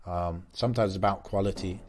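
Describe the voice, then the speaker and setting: A man co-hosting a podcast in casual chat, relaxed and affirming, speeding up when he makes a point. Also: sits low, fast, slight background noise. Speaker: podcast co-host.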